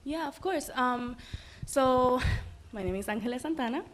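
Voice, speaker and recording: A young adult woman from the Dominican Republic, a singer, chats as a guest in a casual livestream interview. Her voice sits high and animated at normal speed, with crowd noise behind her. She's bubbly and says "um" a lot.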